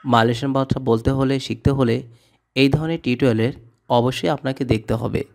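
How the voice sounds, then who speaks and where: A man teaching vocabulary, reading each word and its meaning and repeating it in a steady drill. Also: mid-range voice, fairly quick, gravelly. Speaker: language tutor. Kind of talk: scripted vocabulary lesson.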